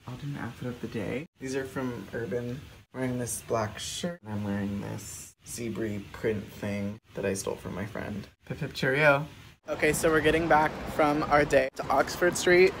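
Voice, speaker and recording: A young American man talking casually in a travel vlog, filling his talk with "like". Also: medium pitch. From United States. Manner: chatty, lots of "like" fillers. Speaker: vlogger. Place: outdoors on city streets and in a hotel room. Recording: noisy street background.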